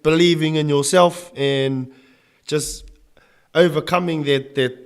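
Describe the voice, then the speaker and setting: Man, broad New Zealand Māori accent, podcast co-host, jokey casual banter, slightly high pitch. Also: fairly even intonation, slow, smooth. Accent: broad New Zealand Māori English. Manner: jokey, slangy.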